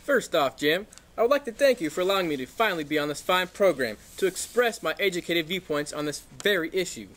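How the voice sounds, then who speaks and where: A blustering Texan pundit, played by a man, with a high male voice. He rambles pompously in a folksy way, as a guest in a comic news parody. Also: lively intonation, fast, fairly bright tone. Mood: pompously courteous. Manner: folksy, long-winded, blustering. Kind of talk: scripted news satire sketch.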